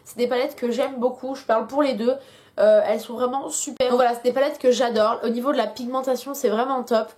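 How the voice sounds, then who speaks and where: A woman's voice: on the high side, fairly even intonation, fast talker, darkish tone. A young woman chatting casually in a beauty product review, full of hesitations, while she has a headache. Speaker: beauty vlogger.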